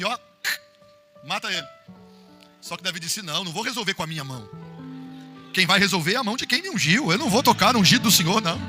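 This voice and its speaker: A man with a Brazilian Portuguese accent preaches a fervent Pentecostal sermon in a very high, piercingly bright voice. He swings from hushed storytelling to shouted, half-sung cries. Faint music plays underneath. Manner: impassioned, building to shouts and sung phrases. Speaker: pastor.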